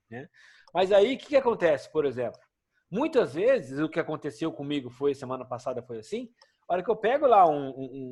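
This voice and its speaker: A man with a Brazilian Portuguese accent teaches a class in a chatty, questioning way. His fairly high voice rises and falls a lot as he explains. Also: husky. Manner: conversational, asks students questions. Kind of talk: classroom lecture.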